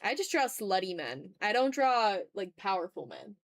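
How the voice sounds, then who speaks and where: Chatting loosely while she draws on an art livestream, a woman reads out viewers' comments, rambles, cusses some, and makes fun of herself. Her mid-range voice has big pitch swings at a moderate pace, with no room sound.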